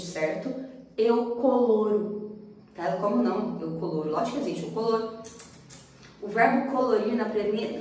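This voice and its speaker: A woman with a Brazilian Portuguese accent walks students through a grammar lesson. Her voice sits a little high, and she keeps checking in with the class. She sounds far from the mic in a very reverberant room. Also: a little mellow, slight background noise. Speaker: teacher.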